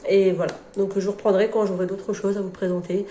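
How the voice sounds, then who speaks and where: Rambling French woman with a mellow voice. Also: medium pitch, little pitch movement, a little fast, a little hiss or hum. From France. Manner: rambling, self-mocking, many hesitations. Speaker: book vlogger. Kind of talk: casual chat to camera.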